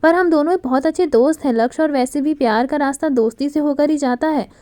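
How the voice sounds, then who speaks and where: A woman's voice: high-pitched, fast, mellow, close to an everyday voice. Reena, a woman playing an obsessive young woman. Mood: pleading. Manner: pleading and insistent.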